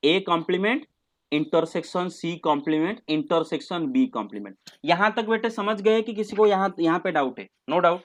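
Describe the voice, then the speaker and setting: A man's voice: high-pitched, moderate pace. A man teaching a maths class online, patient and coaxing, mixing English terms into his talk and calling students "beta".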